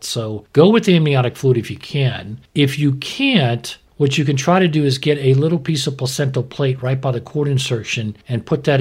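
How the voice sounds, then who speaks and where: A doctor with a mid-range, slightly mellow, husky voice explains a medical subject to a co-host in casual, plain terms. He teaches as he goes, regularly asking himself questions and supplying the answers.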